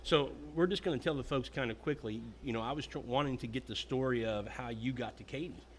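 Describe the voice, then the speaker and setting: Chatty male podcast host, mid pitch. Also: a little fast, slight background noise. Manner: chatty, rambling, enthusiastic. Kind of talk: podcast interview. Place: restaurant.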